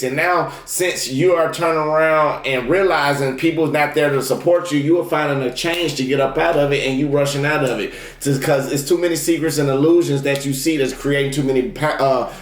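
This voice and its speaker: A man's voice: mid-range voice, roomy sound, a little hiss or hum. A man talking casually and directly as a tarot reader, repeating affirmations and warnings to his viewers. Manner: repetitive affirmations, folksy and direct. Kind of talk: casual spoken tarot reading.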